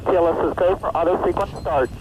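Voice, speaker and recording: A man's voice: fairly high pitch, fast, darkish tone, a little hiss or hum, low-quality recording. A man working as a launch controller, giving terse, clipped countdown callouts over a radio loop.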